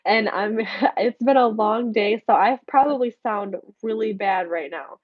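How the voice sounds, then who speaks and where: A woman's voice: medium pitch, a little slow, dry recording, highs cut off. A young American woman answering viewer questions on a casual live stream, congested and nasal from allergies, chatty and candid as she reads out comments. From United States. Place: home desk.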